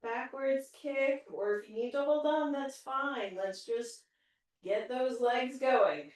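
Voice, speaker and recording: A woman's voice: high-pitched, slow pace. A woman instructing a home workout, giving encouraging cues and countdowns as an exercise instructor. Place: indoor room. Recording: very echoey room, distant microphone.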